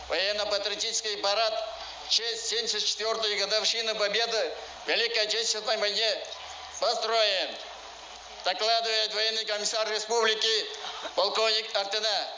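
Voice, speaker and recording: Colonel guy giving a formal parade report, very sharp high voice, echoey outdoors. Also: steady tone, moderate pace. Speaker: military commissar, colonel reviewing the parade. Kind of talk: formal military address and report. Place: large outdoor square at a parade. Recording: echoey outdoor square, dull, noisy.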